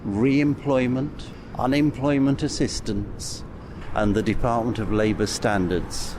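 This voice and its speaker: A British man records an unhurried travel commentary out in the city. His delivery is slow and observational, with pauses between phrases, at a middling pitch over clear traffic noise. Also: steady tone. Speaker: narrator of an audio travel journal. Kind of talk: unscripted on-location commentary. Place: outdoors on city streets and at a station.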